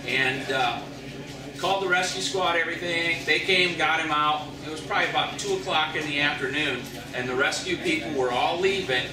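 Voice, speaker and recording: A middle-aged fishing guide with a somewhat high voice gives a folksy storytelling seminar to an audience in a large indoor shop, speaking at normal speed and repeating words. He's captured without a mic by a far-off camera, so the room sounds echoey and distant, with a loud crowd.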